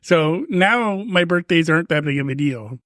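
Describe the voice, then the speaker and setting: This fifty-something podcast co-host keeps things laid-back and meandering, cursing frequently and starting sentences over. He speaks at a normal speed with a fairly high, slightly bright voice and lively intonation, captured in studio quality with no room sound.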